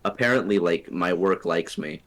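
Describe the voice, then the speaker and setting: A man's voice: deep voice, moderate pace, a bit bright. A young man co-hosting a casual podcast chat over a voice call, laid-back and laughing often. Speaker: podcast co-host.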